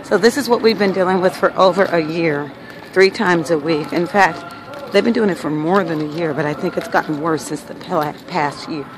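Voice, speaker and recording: Filming on a handheld phone as she walks mostly outside down an apartment alley, a Californian-accented woman from Los Angeles matter-of-factly records a neighborhood noise problem she's upset about. She speaks at normal speed in a fairly low voice, with crowd and street noise in the background.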